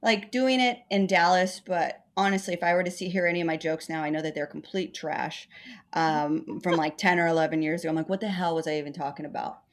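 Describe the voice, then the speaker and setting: Woman, thirties, from Texas, comedian, casual interview storytelling, self-deprecating, slightly low voice. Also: a little fast. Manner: chatty, self-deprecating, animated retelling. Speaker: stand-up comedian.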